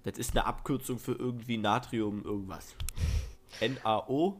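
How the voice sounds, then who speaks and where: A man's voice: medium pitch, moderate pace. A young man co-hosting a casual podcast, talking in a playful, rambling way full of jokey asides. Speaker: podcast co-host. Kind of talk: casual chat.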